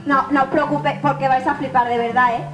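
Very high, playful, coaxing young woman magician, echoey room, music behind. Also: level tone, fast. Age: young adult. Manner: playful, repeats words, coaxes the crowd. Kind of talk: lively stage patter with an audience. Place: care home common room, indoors.

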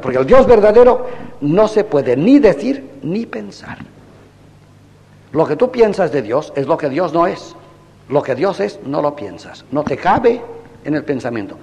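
An older man lectures a class as a priest, firing rhetorical questions at his listeners and voicing both sides of imagined exchanges. His voice sits a little high for a man. The sound rings with the long reverb of a large hall. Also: a little mellow. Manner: rhetorical, questions the audience, acts out quoted exchanges. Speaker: priest lecturing a theology course.

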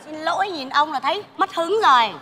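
A woman's voice: high voice, a little fast, bright, forceful tone, some chatter behind, a little hiss or hum. A woman playing a bossy, snobbish mother-in-law in a stage comedy sketch, mocking and scolding. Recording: live stage mic, reverberant theatre with audience.

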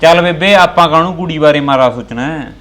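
Fast-talking Punjabi village man. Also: fairly high pitch, fairly bright tone. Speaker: son talking to his mother. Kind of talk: village family drama acting.

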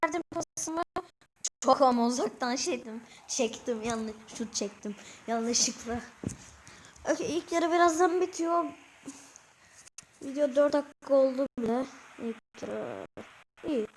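A teenage girl hosting her own channel, giving casual commentary over a football video game, shouting excitedly at goals and misses. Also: high voice, a little slow, long pauses, a little hiss or hum. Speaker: gaming channel host.

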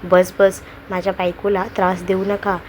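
A woman's voice: fairly low pitch, completely flat delivery, moderate pace, slight background noise, lightly acted. A woman playing a joking young husband. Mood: playful. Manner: joking, warm. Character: playful, protective young husband.

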